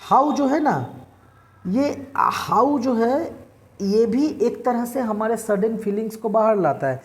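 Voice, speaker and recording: A man's voice: high-pitched, expressive, moderate pace, darkish tone. Guy teacher explaining english words, keeps asking if you got it. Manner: keeps checking if students understood. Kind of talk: classroom lecture.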